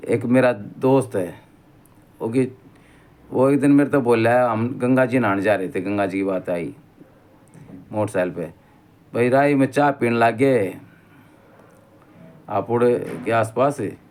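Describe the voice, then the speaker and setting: A man's voice: mid-range voice, unhurried, long pauses, a little mellow. Rambling middle-aged Haryanvi man. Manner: rambling storyteller, keeps saying "bhai". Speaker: vlogger. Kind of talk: casual spoken monologue.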